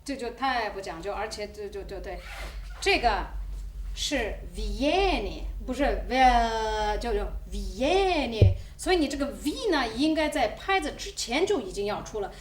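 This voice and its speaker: High-voiced woman coaching singers in a hall. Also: moderate pace. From Xinjiang, China. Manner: lively, breaks into sung examples, chuckles. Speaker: voice teacher. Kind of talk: masterclass coaching. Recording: roomy hall, distant mic.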